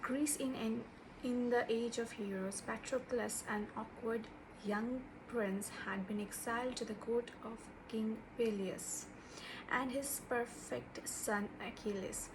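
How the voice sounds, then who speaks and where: Woman, Bengali accent, unhurried and halting book chat, self-deprecating, medium pitch, clear background noise. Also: steady tone. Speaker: book reviewer. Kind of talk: casual unscripted book chat.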